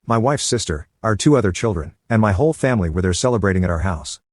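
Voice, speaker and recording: Male narrator, lower register, dry close read, steady storytelling delivery. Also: fast, dry recording.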